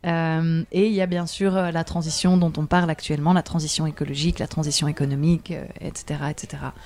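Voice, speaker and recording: Hesitant woman, low mellow voice. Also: little pitch movement, fast. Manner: hesitant, many fillers, laughs often. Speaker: theatre director, guest. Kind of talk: casual radio interview.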